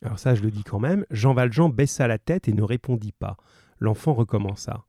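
A man's voice: lowish voice, fairly quick, mellow, no room sound, clean studio sound. A male teacher reading a novel aloud, then leading a remote class in a chatty way, with hesitations and self-corrections.

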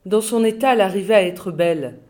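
A woman reading a children's novel aloud in a calm, expressive storytelling voice. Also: medium pitch, quick pace. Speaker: reader.

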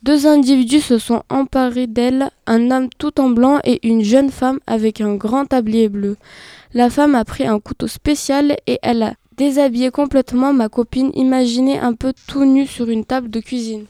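A woman's voice: sits high, fairly even intonation, moderate pace, mellow, no room sound, clean studio sound, close to an everyday voice. A woman voicing a gossipy, dramatic female golden apple, telling her tale with indignant alarm in an amateur web radio reading. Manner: indignant, breathless storytelling.

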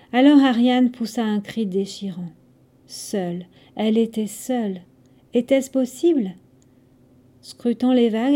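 A woman narrating a scripted story episode in a measured, dramatic way. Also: medium pitch, dark tone.

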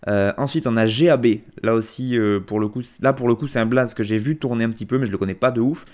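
A man's voice: medium pitch, quick pace, a little mellow. A man hosting a rap radio show, chatting casually with many fillers and restarts.

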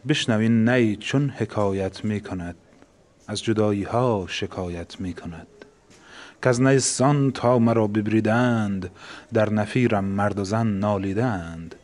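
A man reciting classical poetry in a rhythmic, measured cadence. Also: fairly low pitch, darkish tone.

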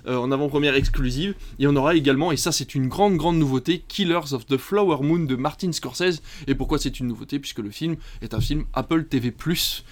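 A man's voice: fairly high pitch, fairly quick, few pauses. Chatty male film podcast host. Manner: reads lists of titles, hesitant with many fillers. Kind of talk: casual film podcast chat.

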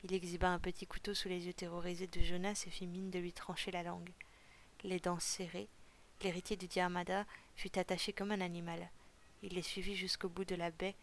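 A woman reading a novel aloud for a podcast in a calm, steady storytelling voice. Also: fairly low pitch, brisk, a little hiss or hum. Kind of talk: audiobook reading.

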